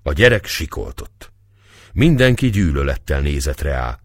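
A man reading a novel aloud as a measured, expressive audiobook narrator. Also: very deep voice, no room sound, clean studio sound.

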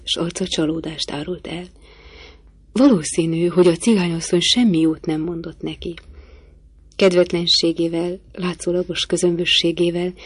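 A woman reading a classic novel aloud as audiobook narrator, measured and even. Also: lowish voice, slightly rough, no room sound. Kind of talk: scripted narration.

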